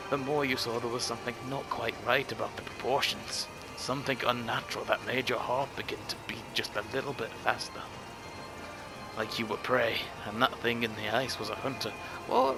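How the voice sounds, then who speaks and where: A man's voice: medium pitch, poor audio. Joking man doing a game playthrough. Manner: joking, swears, reads in-game notes aloud with dramatic storytelling. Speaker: game commentator. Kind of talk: let's play commentary. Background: game music.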